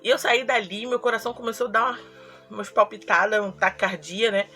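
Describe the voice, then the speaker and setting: A young woman with a bright, clear voice speaks earnestly to her viewers in a personal confessional vlog. She tells her story and acts out the things she said to herself, with soft music playing faintly behind her. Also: medium pitch, steady tone, quick pace. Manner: earnest, storytelling with acted-out quotes. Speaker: YouTuber.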